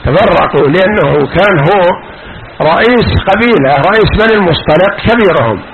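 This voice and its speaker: A man's voice: sits high, lively intonation, brisk. A man, a sheikh, comments on a book in an Islamic lesson, explaining points and correcting the reading, then saying "yes" so the reader goes on. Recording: tinny phone-like lesson recording with faint hiss.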